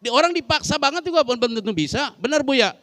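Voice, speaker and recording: A man's voice: very high-pitched, lively intonation, fast talker, bright, forceful tone, no room sound. A man teaching a humorous Islamic study lesson in a large mosque, joking and constantly quizzing the women listening. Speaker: religious teacher.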